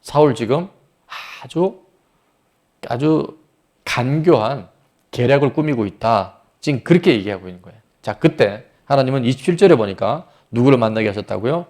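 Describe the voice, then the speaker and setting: A man's voice: mid-range voice, animated, moderate pace, a little mellow. Man, pastor, preaching sermon, asks the room questions, acts out quoted voices.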